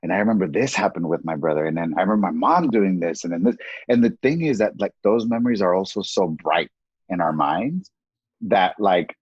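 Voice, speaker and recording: A man's voice: deep voice, lively intonation, brisk, breathy edge, no echo. A man around thirty talking casually and campily on a podcast, with lots of "like" between his thoughts. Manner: campy, chatty, heavy use of "like". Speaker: podcast co-speaker. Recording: dull lo-fi dry recording.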